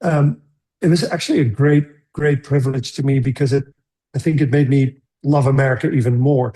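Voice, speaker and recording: A man's voice: mid-range voice, fairly even intonation, dark tone. A middle-aged man from the Netherlands, a screenwriter being interviewed, who talks thoughtfully and often restarts his sentences. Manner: thoughtful, halting with many restarts. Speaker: screenwriter guest. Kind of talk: conversational interview.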